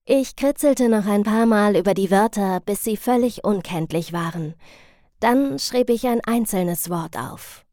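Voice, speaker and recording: A woman narrating a story in the first person, in a lively, wry storytelling manner. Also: medium pitch, a little slow, no room sound, clean studio sound. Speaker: audiobook narrator.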